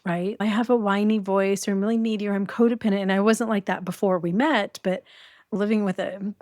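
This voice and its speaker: Speaking in a medium, slightly mellow voice, a middle-aged survivor of domestic violence tells her story openly as a guest on a podcast interview. The studio-quality audio has no echo.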